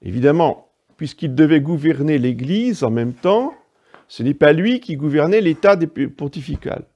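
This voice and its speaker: A man's voice: a little high, expressive, normal speed, highs cut off. A priest preaching a sermon in a didactic way, stressing points with frequent asides to his listeners. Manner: didactic, emphatic asides, frequent "hein" and "vous voyez".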